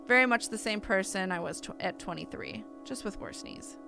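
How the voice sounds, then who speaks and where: A creaky, medium-pitched female voice at normal speed streams a game live, with its music audible underneath. She alternates between expressive reading of the story text and chatty asides, often cutting herself off to react.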